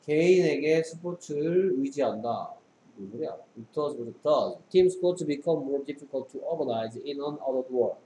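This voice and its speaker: An English teacher, a man with a mid-range, warm voice, tutors a student at a slow, animated pace. He reads sentences aloud, explains the text and quizzes the student with short questions. The room is echoey, with faint background noise.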